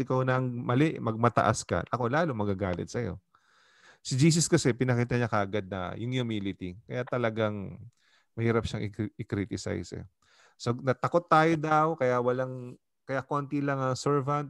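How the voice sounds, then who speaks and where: Filipino pastor teaching a casual Bible study. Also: male voice, mid-range voice, moderate pace, gravelly, no echo. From Philippines. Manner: conversational, mixing in English, keeps asking "di ba?".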